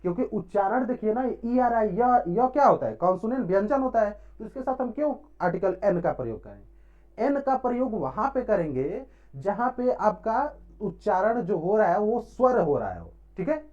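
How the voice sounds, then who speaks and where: A man teaches a grammar lesson in a mellow, soft-toned voice. His pitch swings widely as he poses questions and answers them himself, checking in often. The recording sounds dull and lo-fi. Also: sing-song, moderate pace. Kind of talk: classroom-style grammar lesson.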